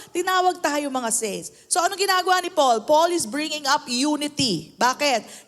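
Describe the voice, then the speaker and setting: High-voiced Filipino woman preaching in a hall. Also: a bit bright. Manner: switches between Tagalog and English, asks the congregation for amens. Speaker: pastor. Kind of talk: sermon. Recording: long hall reverb.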